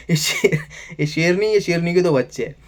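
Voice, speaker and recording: A man giving a casual video review of a TV show, excitable and calling the listener "brother" again and again. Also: fairly high pitch, measured pace. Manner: excitable, addresses listener as "bhai" constantly.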